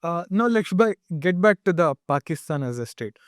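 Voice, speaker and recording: A man, slightly high-pitched, asks calm questions as podcast host. The sound is dry, with his voice a bit further from the microphone. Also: moderate pace, dry recording. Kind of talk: podcast interview.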